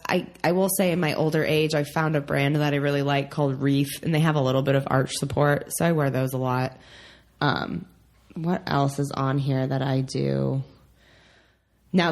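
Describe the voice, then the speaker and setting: A woman in her thirties talking casually on a home relationship podcast. Her voice sits a little low, and she rambles between topics with plenty of ums. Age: 30s. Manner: chatty, rambling with frequent ums. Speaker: podcast co-host.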